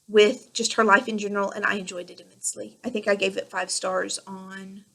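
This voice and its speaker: Woman, 30s, podcast host; enthusiastic, rambling chat, slightly high voice. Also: fairly bright tone. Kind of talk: casual solo podcast chat.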